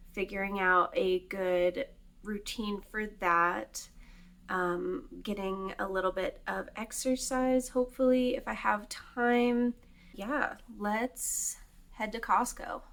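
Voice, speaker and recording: A woman in her twenties, talking casually to the camera in a vlog, chatty and relaxed with small laughs and fillers. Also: medium pitch. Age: 20s. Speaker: vlogger. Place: home kitchen.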